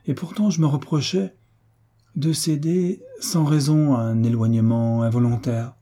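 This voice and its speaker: A man's voice: mid-range voice, fairly even intonation, a little slow, dark tone, voice pushed up, lightly acted. A man voicing a naive young lady. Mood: plaintive. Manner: earnest, plaintive. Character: innocent, trusting young noblewoman.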